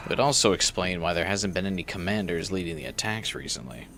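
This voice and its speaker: A man's voice: sits low, normal speed, a bit bright, faint music behind. A man doing casual, irreverent game commentary and reading story text aloud, with some background noise. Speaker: gameplay streamer.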